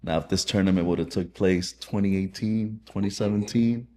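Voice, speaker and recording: A man's voice: low-pitched, moderate pace, mellow. A man, a soccer team manager, talking bluntly and confidently on a podcast. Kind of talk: casual podcast chat.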